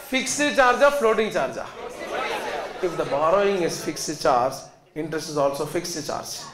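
A South Indian man lectures in a fairly high voice, hammering points home by repetition and quizzing his students. The room is echoey, with a class faintly audible around him. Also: animated, unhurried, crowd noise. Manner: emphatic, repetitive, questions students often. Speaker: accountancy lecturer.

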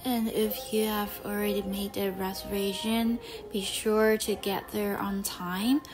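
A young Korean woman vlogger with a mid-range voice talks in a flat, unhurried way, chatty and loose with fillers like "like" and "you know." She's indoors in a bright home studio, then does voice-over, speaking over loud background music.

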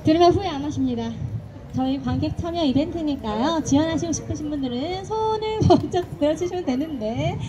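High-voiced woman hosting an outdoor busking show. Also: lively intonation, brisk. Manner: polite, chatty, coaxing. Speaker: host of a street dance busking show. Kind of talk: live crowd-work announcing. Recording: outdoor street with crowd and traffic noise.

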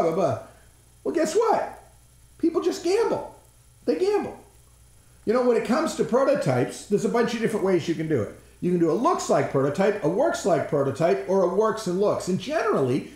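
A man giving an energetic, blunt, folksy presentation on innovation, sometimes swearing for emphasis. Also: high-pitched, echoey room. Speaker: innovation trainer.

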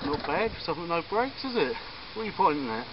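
This man's voice sits fairly high, and he's very animated and fast as he casually walks through his auction haul outside in a garden and workshop. His talk rambles, full of ums and false starts. Faint outdoor ambience and church bells sit beneath slightly dull camera audio with faint background noise.

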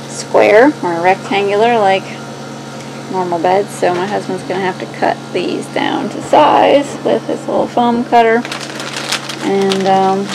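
A woman in her forties, a sailing vlog host, chatting upbeat to the camera aboard her boat. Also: medium pitch. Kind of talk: casual vlog narration. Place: aboard a sailboat, outdoors in the cockpit. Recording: clear background noise.

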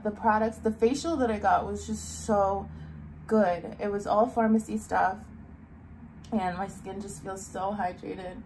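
A woman's voice: medium pitch, steady tone, darkish tone, a little hiss or hum, low-quality recording. A young woman in her twenties talking casually to camera for a beauty vlog, chatty and drowsy, recorded close on a phone at home. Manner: chatty, tired and drowsy, with sighs and drawn-out words. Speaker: beauty vlogger. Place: bedroom at home, indoors. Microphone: phone or camera held close.

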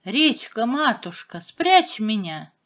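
A woman's voice: a little high, very animated, slow, bright, forceful tone, heavily acted. A woman voicing an anxious little girl in a fairy tale, calling out in a pleading sing-song. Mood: urgent.

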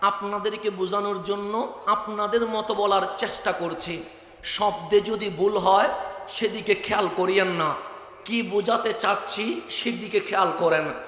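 A very high, bright male voice with a Chittagonian accent preaches a waz sermon. He repeats phrases in a chanting rhythm and rises into loud shouts. His voice rings through an echoey hall with a long reverb tail. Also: fairly even intonation, a little slow. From Chittagong, Bangladesh. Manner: rhythmic repetition building to loud shouted climaxes.

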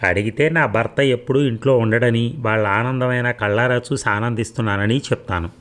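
A man's voice: medium pitch, fairly even intonation, brisk, a bit bright, close to an everyday voice. A man voicing an unhappy young married woman whose lines are pleading and bitter, in a read-aloud story.

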